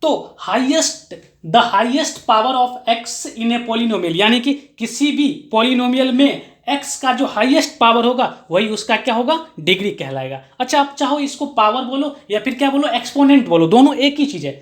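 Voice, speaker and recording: A woman's voice: a little high, expressive, unhurried. Woman teaching maths in an echoey room. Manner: keeps asking and answering her own questions; repeats key phrases for emphasis. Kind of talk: explanatory classroom lesson.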